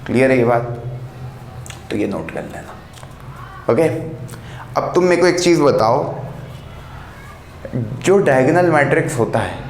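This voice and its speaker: A man's voice: mid-range voice, lively intonation. A man teaching a maths class at the board, explaining step by step in a mix of Hindi and English and often checking whether the students understood. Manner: explains slowly, mixing Hindi and English, keeps checking "clear?". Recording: roomy classroom echo, faint background noise.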